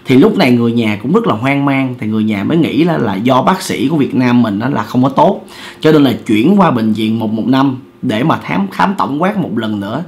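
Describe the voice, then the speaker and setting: A man's voice: medium pitch, lively intonation, fairly quick. A man, hosting and casually telling a ghost story in a conversational, repetitive way that speaks directly to the listeners. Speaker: storyteller host.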